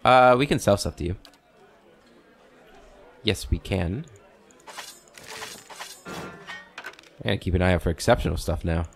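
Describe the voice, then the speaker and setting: A man hosting a let's play, giving relaxed gameplay commentary while musing to himself. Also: sits low, measured pace, creaky, pauses often, faint music behind.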